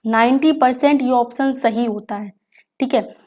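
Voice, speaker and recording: High-voiced woman teacher running a revision class. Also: darkish tone. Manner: reads each question slowly in English, then explains quickly in Hindi; asks the class questions and answers them herself.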